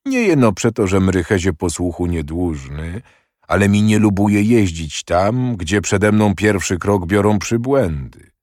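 Man voicing an old nobleman, slow and cool, evasive, deep voice, dry close sound. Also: lively intonation, a little mellow, no echo. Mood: coolly evasive. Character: old, calm, evasive male voivode.

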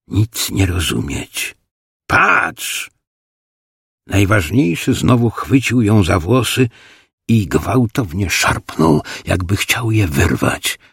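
A man reading an audiobook as narrator, in a slow, measured, grave manner on a close studio mic. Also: low voice, slightly rough, no room sound. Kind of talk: scripted narration.

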